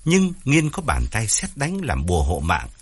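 A man narrating an audiobook story in an expressive, dramatic storytelling manner. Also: on the low side, normal speed.

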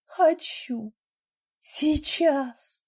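A woman voicing a jealous, fiery young wife who speaks in a breathy, emotional way, for an audiobook romance. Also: sits high, very slow, a little mellow, pitched above the performer's own voice, heavily acted. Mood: breathless.

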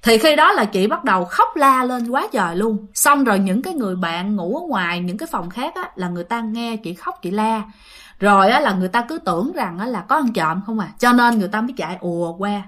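A woman's voice: mid-range voice, animated, brisk, fairly bright tone. A woman with a Southern Vietnamese accent narrating a ghost story in a chatty way, often speaking directly to her listeners.

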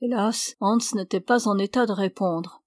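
A woman's voice: medium pitch, moderate pace, dry recording. Woman reading a novel aloud, dry sound. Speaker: audiobook narrator. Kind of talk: audiobook narration of a novel.

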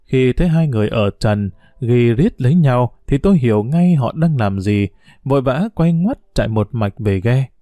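A man narrating a story in a calm, measured reading. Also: medium pitch, dry recording. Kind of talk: audiobook storytelling.

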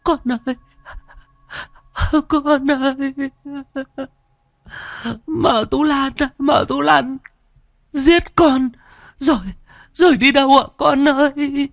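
A man voicing a grieving peasant mother who pleads in a high, tearful voice. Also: slow, vocal fry, long pauses, fairly bright tone, dry recording, clean studio sound, heavily acted. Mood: sobbing.

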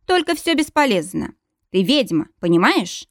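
A woman voicing an obsessed, menacing man in an audiobook, speaking slowly and heavily with a growl. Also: fairly high pitch, very animated, no room sound, studio quality, pitched above the performer's own voice. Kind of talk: audiobook reading.

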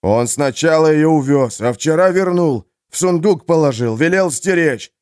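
A man's voice: fairly high pitch, lively intonation, moderate pace, a little mellow, smooth, pitched above the performer's own voice, lightly acted. A man putting on a whining, begging jailer. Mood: pleading. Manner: pleading, whining. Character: cowardly beaten male jailer, sly then begging.

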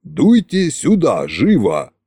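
A man doing a deep slow sorcerer king. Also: huge pitch swings, warm tone, slightly rough, dry recording, clean studio sound, heavily acted. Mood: commanding. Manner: slow, low, domineering. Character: immortal sorcerer king, old, commanding, gruff.

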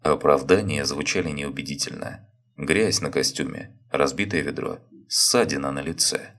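A man reading a story aloud in a calm, measured narration. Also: extremely low pitch. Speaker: reader. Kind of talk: audiobook narration.

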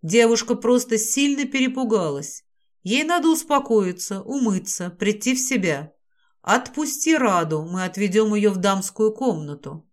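A woman voicing a commanding but caring young woman in an audiobook, firm and steady. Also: fairly high pitch, moderate pace, natural voice. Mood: soothing. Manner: firm, scolding then soothing. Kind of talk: audiobook character voice.

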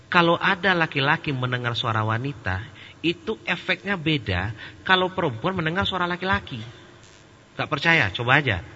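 A man preaching at a religious study session, speaking casually, joking at times and growing loud and animated. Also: fairly high pitch, moderate pace, a little hiss or hum. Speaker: Islamic preacher. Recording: dull, with a long echo in a hall.

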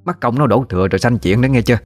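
A man's voice: medium pitch, racing, soft background music, voice pushed up, close to an everyday voice. A man voicing an irritable middle-aged woman, snapping back and scolding.

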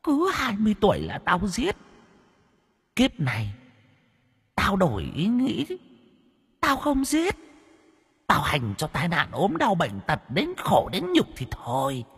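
A shrill, wailing vengeful child ghost. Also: male voice, wildly swooping pitch, gravelly, fairly bright tone, breathy edge, full character voice. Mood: gloating. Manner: slow, drawn-out menacing wail. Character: vengeful child ghost, centuries-old, cruel spirit. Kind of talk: audio horror story reading. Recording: long reverb, ghostly distant echo.

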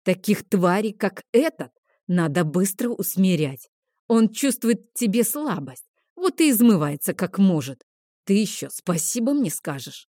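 A woman's voice: mid-range voice, big pitch swings, a little slow, warm tone, no room sound, clean studio sound. A woman voicing a smug, vengeful old male healer who drawls and gloats. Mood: stern lecturing.

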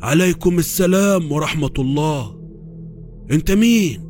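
A frail old grandfather in his seventies with an Upper Egyptian accent, voiced by a man. His thin, tremulous voice sits high and pleads with raw remorse, with faint music behind it in this horror audio story. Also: lively intonation, normal speed, a little mellow, lightly acted. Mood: weak, puzzled. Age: 70s. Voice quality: weak, tremulous. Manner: emotional, pleading.

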